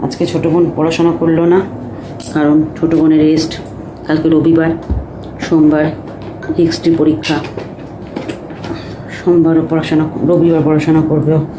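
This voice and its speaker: A woman, a mother, chatting casually in a home vlog, talking quietly while holding her phone in one hand. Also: sits low, level tone, normal speed, pauses often. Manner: speaks softly at night so as not to wake family. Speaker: vlogger, mother of two daughters. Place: home, bedroom and kitchen. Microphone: handheld phone. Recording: echoey room with noise.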